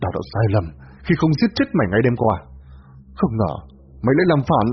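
A man voicing a cruel, scheming old villain who shouts threats in a snarl. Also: medium pitch, big pitch swings, brisk, slightly rough. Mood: hateful. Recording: dull lo-fi audio.

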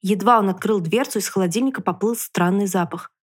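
Fast-talking woman reading a children's book. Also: medium pitch, husky. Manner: lively, expressive. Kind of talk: reading a children's story aloud.

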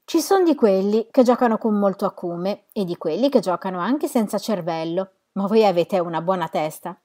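A woman's voice: mid-range voice, expressive, moderate pace, warm tone, lightly acted. A woman voicing a charming, easygoing young man who teases playfully, read from a novel. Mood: teasing.

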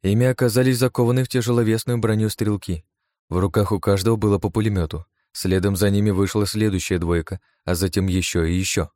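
A man narrating an audiobook, reading in a steady, even way. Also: on the low side, fast, no echo.

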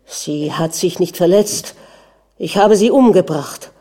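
A woman's voice: fairly low pitch, slow pace. A woman voicing a raging jealous old prince. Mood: frantic. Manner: shouting, choking with rage. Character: enraged older prince, jealous, with crutch. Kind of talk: audiobook reading.

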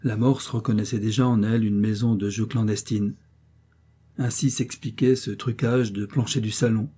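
A man narrating an audiobook in a steady, unhurried storytelling manner. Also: fairly low pitch, slightly rough. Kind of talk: scripted narration.

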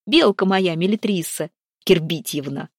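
A woman's voice: lowish voice, a little slow, no echo, studio quality. Woman doing a brash, indignant young prince. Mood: eager. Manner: loud, excitable, indignant.

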